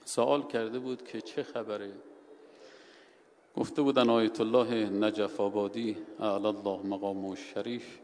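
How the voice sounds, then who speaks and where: A man telling a story in a sermon, shifting between hushed and loud, dramatic delivery. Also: fairly low pitch, level tone. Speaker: preacher. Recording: hall reverb with faint ambient noise.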